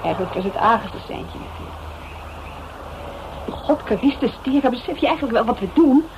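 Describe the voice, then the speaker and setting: In a noisy, narrow-band old Dutch radio crime drama, an actress with a fairly high, expressive and brisk voice plays an anxious, loyal young woman. She sounds nervous, speaking colloquially and asking questions.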